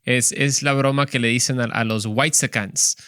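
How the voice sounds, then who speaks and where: Relaxed male interview host. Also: medium pitch, normal speed, smooth, no room sound, studio quality. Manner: relaxed, agreeable, mixes in English. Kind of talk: conversational interview.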